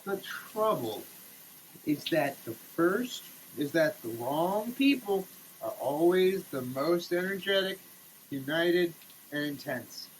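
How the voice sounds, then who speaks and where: Someone in a shower gives a theatrical, declamatory reading of printed text, muttering asides along the way. The voice is mid-range with lively intonation and a slow pace, and the audio is poor with slight background noise.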